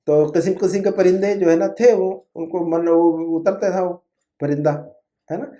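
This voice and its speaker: A man's voice: high voice, fairly even intonation, warm tone. A man teaching an Arabic lesson in Urdu. He drills new words patiently, prompts his students, corrects them, and often fills with "jo hai na". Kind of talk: live online language lesson.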